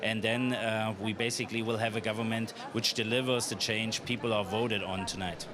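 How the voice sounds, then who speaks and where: A politician gives a measured, formal broadcast interview, pausing on uhs as he goes. He is recorded outdoors at a busy event, with a loud crowd chattering behind him. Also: on the low side, flat delivery.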